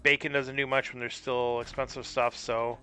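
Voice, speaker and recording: A man's voice: medium pitch, level tone, moderate pace, sharp tone, clear, resonant tone, faint music behind. A man streaming a card game live, thinking aloud and puzzling over his opponent's moves in casual commentary.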